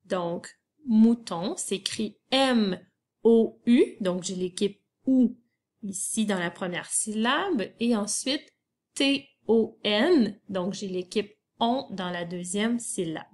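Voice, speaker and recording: Slow, patient woman teaching spelling. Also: mid-range voice, darkish tone. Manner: patient, spells words letter by letter. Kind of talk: slow spelling lesson for children.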